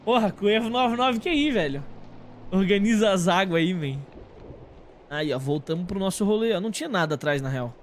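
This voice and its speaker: Brazilian male streamer, high voice, highly varied intonation, slangy off-the-cuff gameplay chatter. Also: expressive, fairly quick, a little hiss or hum. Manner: informal, slangy, thinking aloud. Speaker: game streamer talking to live chat. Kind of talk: casual gameplay commentary.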